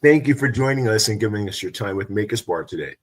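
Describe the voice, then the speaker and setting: A male interview host from New York with a husky, slightly rough low voice. He speaks as a friendly presenter, greeting the guest and urging listeners along with enthusiasm. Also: lively intonation, fast talker. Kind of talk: hosted interview.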